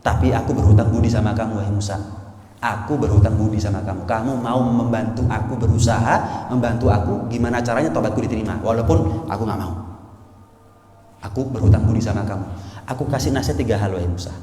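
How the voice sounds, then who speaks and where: A man's voice: lowish voice, steady tone, quick pace, warm tone, natural voice. Brief: a scheming, sly devil a man puts on mid-sermon, plain tone, heard in a reverberant hall. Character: scheming male devil bargaining with a prophet.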